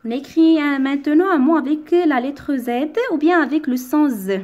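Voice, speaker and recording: A woman teacher giving a lesson, reading short sentences aloud and slowly repeating words with careful articulation. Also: high voice, a little mellow. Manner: slow, articulated dictation-like delivery, repeating words. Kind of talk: slow, careful classroom reading and explanation.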